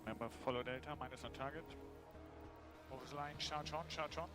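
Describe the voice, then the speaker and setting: A man voicing a steady race engineer giving terse commands over race car team radio. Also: mid-range voice, fast talker, over loud music. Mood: instructive.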